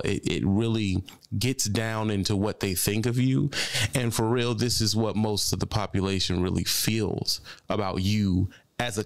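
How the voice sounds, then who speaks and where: A man's voice: on the low side, clear, resonant tone, dry recording. A man in his thirties hosting a trucking channel, giving blunt, preachy commentary with lots of repeated phrases, speaking into a studio mic. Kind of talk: commentary on a reaction video. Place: home studio with colored lights. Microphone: studio mic on a boom arm, headphones.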